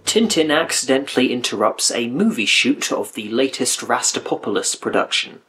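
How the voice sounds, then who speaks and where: A man's voice: medium pitch, lively intonation, normal speed, noisy background. A man reading scripted review narration with dry, critical asides. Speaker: video essay narrator.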